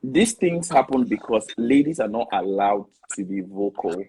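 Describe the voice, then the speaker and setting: Husky, lively male talk host. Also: fairly low pitch, normal speed, rough recording. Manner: animated, stumbling restarts, laughs often. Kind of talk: casual live discussion.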